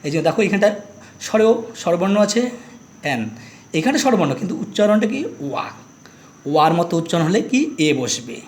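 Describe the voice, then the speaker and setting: A man's voice: sits high, animated, quick pace. A middle-aged man teaching English grammar, explaining step by step and asking quiz questions as he goes. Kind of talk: grammar lesson explaining articles.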